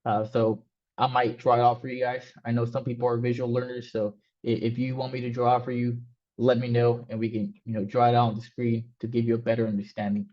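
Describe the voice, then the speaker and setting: A Mexican coding instructor, a native Spanish speaker, teaches an online class loosely and casually, full of fillers and restarts. His mid-range voice is a little mellow and fairly quick, with a completely flat delivery. The recording sounds slightly dull and lo-fi.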